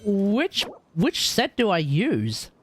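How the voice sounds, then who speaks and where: This streamer's voice is medium in pitch but swoops wildly, slow and slightly rough, as they ramble casually through gameplay on a livestream, thinking out loud. Loud video game music plays over the voice.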